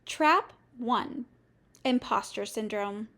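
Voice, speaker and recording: A woman coach delivering a scripted motivational lesson in a measured, steady way, with short listed phrases. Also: fairly high pitch. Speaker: business coach. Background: faint music.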